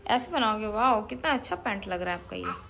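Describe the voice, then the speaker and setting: A woman's voice: mid-range voice, expressive, a little fast, vocal fry. A young woman, a mother vlogging at home, coaxing and scolding her small children and chatting to viewers. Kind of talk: casual home vlog. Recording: noisy home recording.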